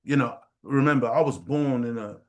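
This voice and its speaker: At a moderate pace and medium pitch, this middle-aged Jamaican study group speaker delivers a fervent community teaching. He preaches emphatically, repeating phrases to drive points home.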